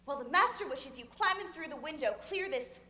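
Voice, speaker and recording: An officious manservant, very high, with a lively voice. He speaks in a formal, stiff manner. There is a hall echo with faint noise. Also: fairly quick. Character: officious male servant.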